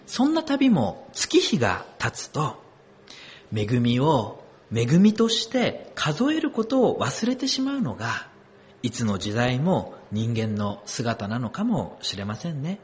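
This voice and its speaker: Husky male preacher, high and very animated delivery, storytelling sermon. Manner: expressive storytelling, asks the congregation questions. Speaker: pastor.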